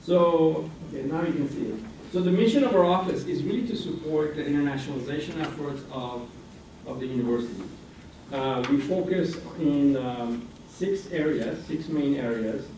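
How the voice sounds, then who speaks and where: The guest speaker, an international center director in his forties who is Iranian American and grew up in France, presents hesitantly to a student senate with frequent fillers and restarts. His voice is a little high and warm at a moderate pace, recorded from a distance in a roomy, noisy university meeting room.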